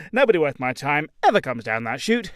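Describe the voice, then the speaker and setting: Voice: medium pitch, sing-song, normal speed, creaky, no echo, clean studio sound. An actor voicing a vain, manic little robot core who hosts a talk show with theatrical sarcasm and mock voices. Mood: bitter. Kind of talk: animated comedic show hosting.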